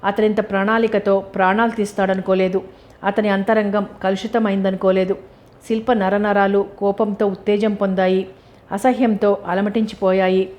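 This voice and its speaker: Lady reading a novel out loud, steady and expressive. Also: medium pitch, moderate pace. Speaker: novel reader. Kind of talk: storybook narration.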